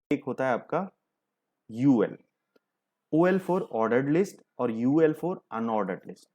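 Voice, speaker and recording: A man's voice: medium pitch, darkish tone. A young man, teaching a coding lesson step by step and mixing English terms into his Hindi. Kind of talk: screen-share coding tutorial.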